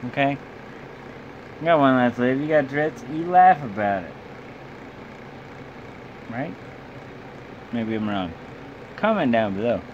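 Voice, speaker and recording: A man's voice: mid-range voice, expressive, a little slow, pauses often, highs cut off. Drunk, rambling young man over background noise. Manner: loose, rambling, blunt, swearing. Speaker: amateur film reviewer. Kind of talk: rambling casual video review, profane. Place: small bedroom, indoors. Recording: clear background hum and noise.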